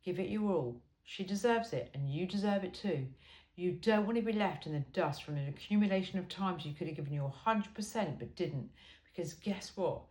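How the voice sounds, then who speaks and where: With a fairly low, slightly mellow voice, a woman reads animatedly at a moderate pace from a comic self-help book. She keeps things informal with chatty asides and a wry, emphatic, conversational tone, and the sound is roomy and echoey.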